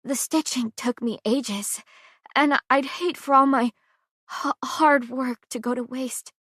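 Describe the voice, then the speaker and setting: A woman's voice: sits high, steady tone, slow pace, dry recording, studio quality, voice pushed up, heavily acted. A woman voicing a faint, dying young woman. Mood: weak. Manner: soft, faint and breathy, gentle. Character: dying young woman, weak but smiling. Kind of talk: audiobook character voice.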